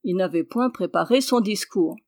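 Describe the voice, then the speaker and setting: Woman reading an old novel aloud, steady expressive storytelling. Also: medium pitch, moderate pace. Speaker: audiobook reader. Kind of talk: literary narration.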